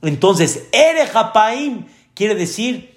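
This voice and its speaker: A man's voice: high-pitched, sing-song, takes it slowly, roomy sound. A male rabbi giving a sermon, teaching and putting questions to his listeners. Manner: teaching, asks the audience questions.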